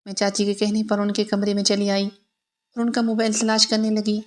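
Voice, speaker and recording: Woman reading a story in a flat voice. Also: medium pitch. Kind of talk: scripted first-person narration.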